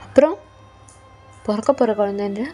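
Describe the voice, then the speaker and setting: A woman's voice: medium pitch, moderate pace, warm tone, soft background music, natural voice. A woman voicing a blunt young man who curtly refuses his lover in a fan audio drama. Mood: cold. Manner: curt, blunt.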